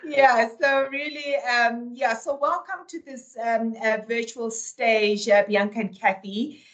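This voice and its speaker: A woman moderating a virtual roundtable, introducing guests with many pauses and fillers. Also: on the high side, low-quality recording. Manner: warm, hesitant, with many fillers. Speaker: event moderator. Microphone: video call.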